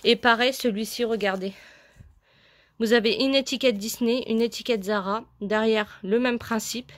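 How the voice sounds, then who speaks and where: Young woman vlogger, slightly high voice, casual and chatty, a bit out of breath, plenty of fillers. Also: steady tone, moderate pace. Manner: chatty, many fillers, shows items to camera. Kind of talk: casual haul video chat.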